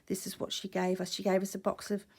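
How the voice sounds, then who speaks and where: A woman with a slightly croaky voice, talking softly and rambling in a casual show-and-tell vlog from a small room at home, often dropping to near-whispers. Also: mid-range voice, monotone, fast. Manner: soft-spoken, rambling, drifts into near-whispers. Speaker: vlogger showing vintage finds. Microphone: camera or tablet on a desk.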